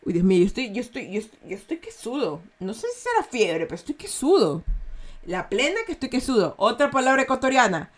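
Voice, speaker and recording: A woman's voice: fairly high pitch, big pitch swings, fairly quick. Chatty Ecuadorian woman teaching slang. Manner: chatty, checks in with "¿ya?" often. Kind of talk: casual slang lesson.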